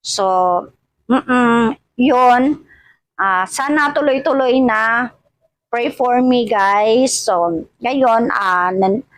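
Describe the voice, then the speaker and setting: A Filipino woman with missing front teeth chatting casually to her vlog viewers, halting and often repeating her words. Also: fairly high pitch, no echo, poor audio. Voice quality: speech of someone with missing front teeth, wearing old dentures. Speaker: vlogger. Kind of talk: casual rambling vlog chat addressed to viewers.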